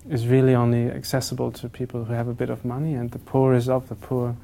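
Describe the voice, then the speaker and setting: A man's voice: medium pitch, completely flat delivery, fast, vocal fry, warm tone, a little hiss or hum. A man giving an earnest advocacy statement, hesitant, with many fillers.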